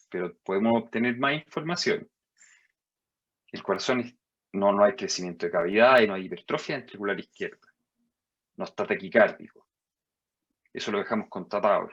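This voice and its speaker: Man, physician lecturing, low voice, dull lo-fi sound, emphatic rises on key points. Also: fairly bright tone. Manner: measured and explanatory, with sudden higher-pitched emphasis on key points. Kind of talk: medical lecture over slides.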